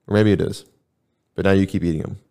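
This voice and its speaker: A man chats casually on his podcast, rambling through stories at an easy, laid-back pace. His voice sits very low and deep. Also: fairly even intonation, fast, gravelly, mellow, clean tone. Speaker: podcast host. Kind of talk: casual chat.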